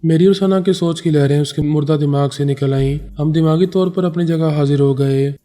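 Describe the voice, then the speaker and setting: A man narrating a story in a steady, dramatic reading style. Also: on the high side. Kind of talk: scripted narration.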